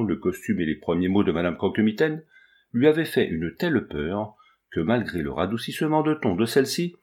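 A man narrates a classic children's tale in a calm, measured reading. His voice sits on the low side. He speaks directly to his listeners and shapes each phrase with care. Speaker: audiobook reader. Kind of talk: scripted storybook narration.

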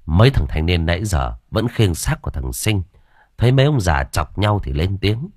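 A male storyteller reading a spooky village tale aloud. His voice is very deep and husky, yet the pitch moves a lot as he tells the story. The recording is close and dry, with no room sound. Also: very animated, normal speed, darkish tone, dry recording. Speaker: audiobook narrator. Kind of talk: dramatic horror story narration.

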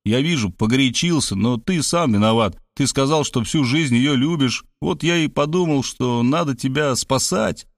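A man voicing a flustered male old friend who mutters quickly and pleads, in an audiobook reading. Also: medium pitch, no room sound, studio quality, pitched above the performer's own voice, natural voice. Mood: sheepish.

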